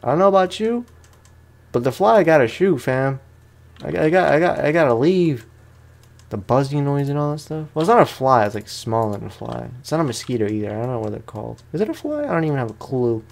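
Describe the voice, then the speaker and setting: Sing-song and fairly quick, this man's mid-range voice has a creaky edge. He's a let's play host and gaming content creator, chatting to viewers from a room at home with loose, rambling commentary full of informal slang.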